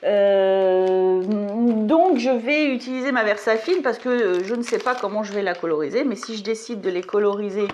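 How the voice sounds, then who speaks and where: With a medium-pitched, darkish voice and a moderate pace, a woman talks over slight background noise. She chats casually at her home table while displaying craft stamps, her rambling haul-and-demo peppered with self-mocking comments.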